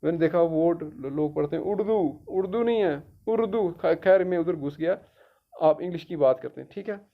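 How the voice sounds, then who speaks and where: A gravelly, slightly high-voiced middle-aged man from Jammu and Kashmir walks his students through a tutorial one step at a time. He talks patiently and repeats himself, checking often that they follow. The recording sounds dull and lo-fi. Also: brisk. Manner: patient, repetitive, keeps checking with "theek hai". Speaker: teacher. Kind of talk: screen-guided tutorial.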